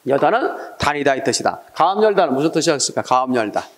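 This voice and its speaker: A man's voice: on the high side, very animated, quick pace. A middle-aged man giving an exam-prep lecture, drilling students with repeated questions and call-and-response prompts.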